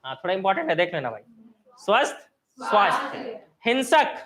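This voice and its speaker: Racing along over a noisy background, a high-voiced man with wildly swooping pitch leads an online exam-prep class. He calls out words in turn, asks students for the word forms, and then corrects their answers.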